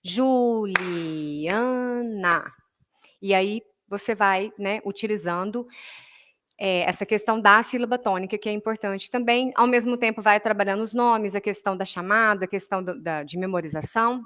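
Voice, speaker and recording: A woman's voice: medium pitch, steady tone, brisk, fairly bright tone, smooth. A woman with a Brazilian Portuguese accent, a music teacher giving an online workshop lesson. She explains patiently, keeps checking in with her listeners, and counts beats aloud in rhythm.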